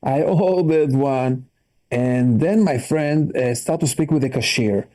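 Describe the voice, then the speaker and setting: A man with an Israeli accent doing a stand-up set over a video call, animated, in broken English phrasing, with punchlines that leap up in pitch. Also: slow. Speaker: stand-up comedian.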